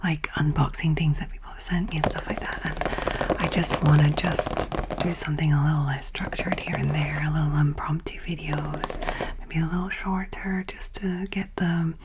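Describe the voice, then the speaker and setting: A woman chatting informally in a soft, breathy ASMR whisper, gentle and rambling, close to the microphone. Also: sits low, heavy background noise. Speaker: ASMR video host.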